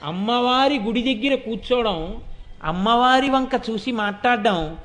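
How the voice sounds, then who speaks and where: Man, high voice, devotional storytelling discourse, animated, rhetorical questions. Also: measured pace. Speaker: devotional speaker.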